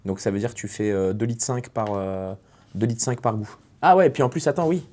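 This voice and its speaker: A lowish male voice chatting in an excited, slangy vlog style, his words trailing into a long reverb. He talks loosely, piling up fillers and restarts as he shows off his car and products. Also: a little fast, noisy background. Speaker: vlogger presenting his drift car. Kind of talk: casual vlog chat.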